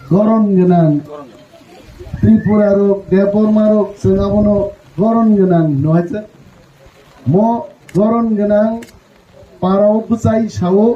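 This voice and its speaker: Very high, dark-toned man reporting news. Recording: dull, echoey, distant audio.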